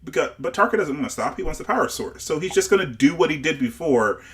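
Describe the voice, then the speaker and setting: Halting man from Barbados, livestream co-host. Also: on the high side, animated, a little hiss or hum. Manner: halting, many restarts and repeated words. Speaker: show co-host. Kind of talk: casual review discussion.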